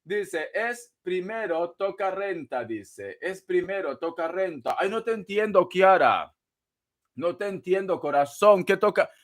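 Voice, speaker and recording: A man with a notably high-pitched voice hosts a tarot live stream, chatting with viewers as he reads their donations. He is playful, gossipy and campy, teasing people and calling them darling. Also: lively intonation, unhurried. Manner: gossipy and teasing, laughs often. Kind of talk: casual live-stream chat reading donations.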